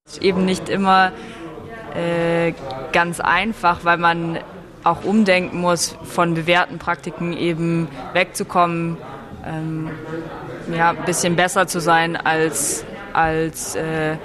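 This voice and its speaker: A man's voice: a little high, monotone, slow, crowd noise. A young man, a workshop participant, speaking hesitantly with fillers.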